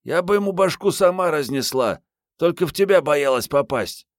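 A man's voice: a little high, lively intonation, moderate pace, no room sound, clean studio sound, pitched above the performer's own voice, close to an everyday voice. A male audiobook reader voicing a bold, teasing young woman fighter. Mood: brash teasing.

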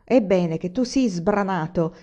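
Woman reading a tired, guarded peasant mother for a storybook; low, dark, plain delivery. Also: unhurried. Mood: curt. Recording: dull lo-fi recording.

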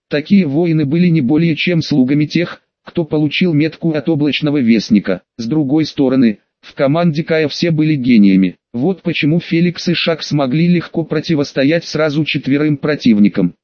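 A man reading a fantasy audiobook in steady, dramatic scripted narration. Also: fairly high pitch, no echo, lo-fi sound.

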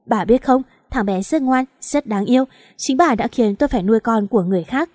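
A woman's voice: on the high side, fairly quick, darkish tone, no echo, studio quality, close to an everyday voice. A woman voicing a heartbroken young husband who speaks bitterly and accusingly, choked with regret. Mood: furious.

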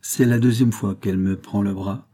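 Man narrating a novel, low, dark, husky voice, measured first-person read. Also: fairly even intonation. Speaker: audiobook narrator.

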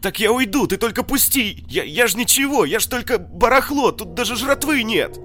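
A man reading an audiobook, voicing a crude adult male looter who shrieks and babbles in a high, shrill, hysterical voice. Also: very animated, moderate pace, fairly bright tone, soft background music. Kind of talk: audiobook character voice.

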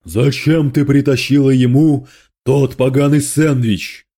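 A man's voice: mid-range voice, steady tone, unhurried, mellow. A man reading aloud, voicing a spiteful male demon lord who hisses and gloats with scorn. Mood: menacing.

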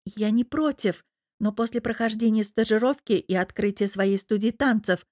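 A young wife and dance teacher, defiant yet hurt, voiced by a woman reader. Her lines rise in pitch, pleading and defensive. The recording is close and dry. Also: moderate pace, warm tone, dry recording, natural voice. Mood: upset arguing.

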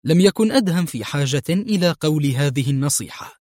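A man's voice: on the high side, lively intonation, fairly quick, a little mellow, no room sound, studio quality. A man narrating an audio thriller in a dramatic, suspenseful reading style.

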